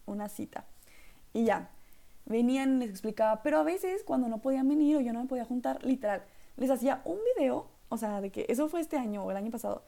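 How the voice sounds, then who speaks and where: A young woman from northern Mexico runs a casual solo podcast, her northern Mexican accent clear. Her voice is a bit high yet mellow with a gravelly fry, and she rambles chattily, doubling back with asides and fillers like "literal" and "¿saben?".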